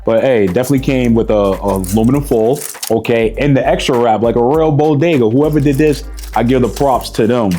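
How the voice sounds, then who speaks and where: A man's voice: medium pitch, fairly quick, warm tone, soft background music. A man, chatting casually and boastfully as a cooking contestant tasting food. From New York. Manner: boastful, streetwise, easygoing.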